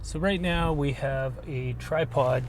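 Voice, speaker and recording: A man's voice: mid-range voice, takes it slowly. A man thinking aloud in a casual vlog narration, recorded inside a moving car. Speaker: vlogger. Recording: clear road and car noise.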